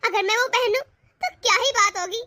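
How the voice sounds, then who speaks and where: A woman's voice: very high voice, moderate pace, bright, forceful tone, no echo. A woman voicing a spoiled young college girl who wheedles and pushes to get her way, in a homemade family drama. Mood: wheedling. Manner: pleading, wheedling.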